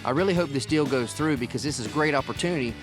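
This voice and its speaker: Man, Southern accent, fast talker, medium pitch, reality show narration, clear music underneath. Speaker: cattle business partner on a reality show. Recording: music behind the voice.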